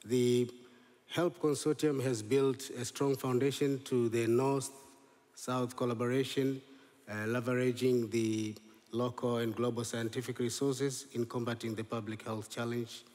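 A man's voice: medium pitch, little pitch movement, a little slow, darkish tone. Hesitant man presenting in a reverberant hall. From Tanzania. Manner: hesitant, many fillers and restarts. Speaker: conference presenter. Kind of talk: scientific conference talk. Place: large lecture hall, standing on stage.

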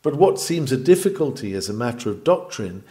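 A man's voice: mid-range voice, sing-song, a little fast, mellow. A man reading an old sermon aloud, building to dramatic, emphatic peaks. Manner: dramatic, swelling with emphasis on climactic lines. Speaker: preacher.

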